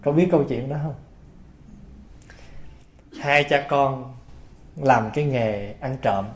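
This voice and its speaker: Slow-paced and mid-range in pitch, this Buddhist preacher weaves stories into a folksy sermon and often turns to ask his audience questions. The recording has a roomy, dull, low-fidelity sound.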